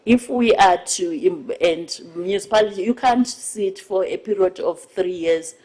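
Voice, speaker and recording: Slow-paced South African committee speaker. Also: mid-range voice, darkish tone, rough recording. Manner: halting, repeats and rephrases words, emphatic. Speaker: member of parliament speaking in a committee briefing. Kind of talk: formal committee remarks, unscripted.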